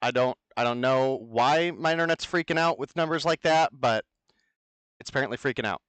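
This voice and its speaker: A man calling an online esports match from his home over a headset mic. His voice is smooth and resonant and sounds close and dry, with no room around it. He talks with energy and gives blunt, firm opinions. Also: mid-range voice, brisk, a bit bright, dry recording. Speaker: esports caster. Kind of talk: play-by-play commentary. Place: at home, remote over the internet.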